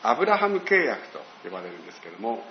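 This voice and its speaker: An older man giving a slow, storytelling Bible talk as a pastor. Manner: slow, storytelling, with lively pitch. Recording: dull roomy recording with faint hiss.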